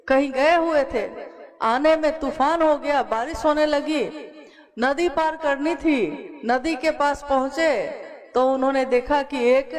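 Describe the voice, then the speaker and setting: A woman giving a religious discourse to a live gathering, explaining through rhetorical questions and often laughing lightly as she speaks. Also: sits high. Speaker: devotional speaker. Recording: live recording with audience noise. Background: crowd audible.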